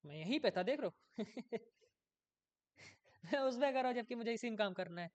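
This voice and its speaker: A man's voice: very high-pitched, animated, normal speed, muffled recording. A man giving a casual coding tutorial, thinking aloud as he works, often losing his place and checking in with viewers.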